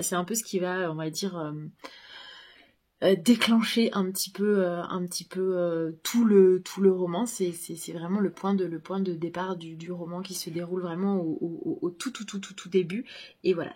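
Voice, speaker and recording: A woman book vlogger with a somewhat low, breathy voice, chatting casually through a book unboxing. She gushes with enthusiasm and keeps stopping to restart her sentences. Her speech stumbles and is thick with fillers. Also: fairly even intonation, darkish tone. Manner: halting, full of fillers and restarts; gushing enthusiasm.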